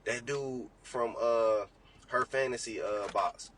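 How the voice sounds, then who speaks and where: A man's voice: mid-range voice, steady tone, slow, fairly bright tone. A man in his late twenties talking as a podcast guest, blunt and profane, preaching hard-won advice. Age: 20s. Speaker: trading educator guest. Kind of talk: casual podcast talk. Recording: distant mic with faint background noise.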